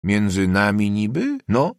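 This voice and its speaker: Gruff old peasant carter, sceptical and slow, a male narrator putting him on, dry close sound. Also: lowish voice, wildly swooping pitch, no room sound, heavily acted.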